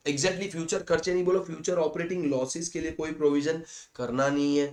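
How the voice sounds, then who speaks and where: Hindi-English accounting teacher, slightly high voice. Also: male voice, steady tone, a little mellow. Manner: mixes Hindi with English, reads definitions slowly then explains fast; addresses students as guys, repeats points. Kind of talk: lecture explaining slides.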